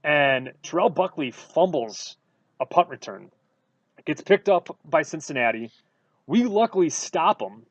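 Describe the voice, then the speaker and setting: A man from Wisconsin co-hosting a sports podcast, telling stories in a casual, animated way with lots of fillers. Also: a little high, unhurried, no echo, lo-fi sound. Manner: animated storytelling with many fillers. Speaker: podcast co-host.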